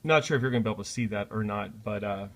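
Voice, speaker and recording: A man talks through a casual unboxing in a slightly low voice. He chats along in an easygoing, apologetic way and fills his pauses with "uh" and "um.". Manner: chatty and apologetic, with frequent "uh" fillers. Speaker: product reviewer.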